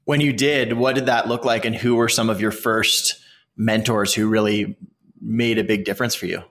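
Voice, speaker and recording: A man's voice: fairly low pitch, steady tone, moderate pace, fairly bright tone. A man hosting an interview, asking conversational, probing follow-up questions. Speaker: podcast host, interviewer.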